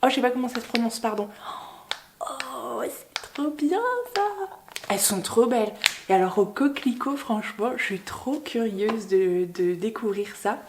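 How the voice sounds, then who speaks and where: A woman's voice: mid-range voice, a little fast. A young woman unboxing gifts in a casual vlog, gushing and exclamatory, full of fillers and little delighted cries. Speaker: book vlogger. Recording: noisy home recording.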